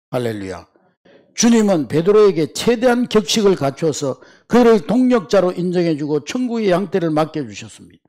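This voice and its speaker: Gravelly man preaching a sermon. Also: fairly high pitch, warm tone. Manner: emphatic preaching, often calling out to the congregation. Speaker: pastor.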